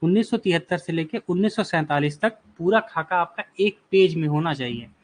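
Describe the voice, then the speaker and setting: A man teaching a live online exam-prep class, reassuring students, reading out their replies and explaining terms slowly with questions he answers himself. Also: a little high, lively intonation. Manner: reassuring, repeats "ठीक है" and "बिल्कुल" while reading out student replies.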